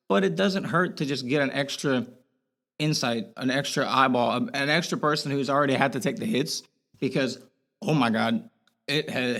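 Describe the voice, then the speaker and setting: A young man with a Boston accent, a guest on a casual podcast. He speaks candidly in a mid-pitched voice, stopping and restarting his sentences as he thinks. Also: gravelly, fairly bright tone. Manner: candid, halting, many restarts.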